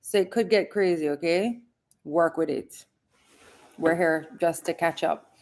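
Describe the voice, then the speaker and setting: A woman's voice: fairly low pitch, unhurried, a little mellow. A Jamaican woman in her forties hosting a casual livestream from home, chatting upbeat and reading viewer comments. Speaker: host.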